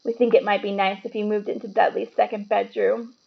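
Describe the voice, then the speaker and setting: A woman's voice: mid-range voice, little pitch movement, fairly quick, gravelly, highs cut off. A woman voicing a blustering, bad-tempered middle-aged uncle who sneers and snaps orders in a storybook reading. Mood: forced niceness. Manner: sneering, barking, snapping orders.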